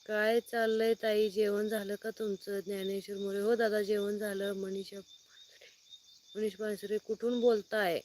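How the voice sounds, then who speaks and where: A woman's voice: medium pitch, level tone, measured pace, darkish tone, slight background noise. A woman farmer from Sangli district, chatting on a phone live stream outdoors at night, reading out viewers' names and greeting each one. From Sangli district, Maharashtra. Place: outdoors at night, sitting under a light.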